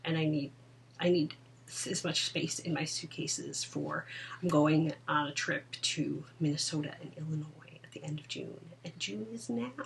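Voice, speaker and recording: A woman co-hosting a casual podcast chat, laughing often and dropping into soft asides. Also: low-pitched, level tone, normal speed, vocal fry, far from the mic, a little hiss or hum. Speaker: podcast co-host. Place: indoor room at home.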